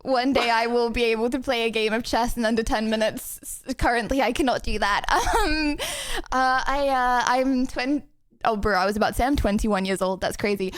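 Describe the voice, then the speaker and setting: Young woman, high pitch, giggly, rambling stream chat. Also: moderate pace, clean tone, dry recording. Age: 20s. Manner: giggly, rambling, lots of "like" and "bro". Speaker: streamer, host of the collab.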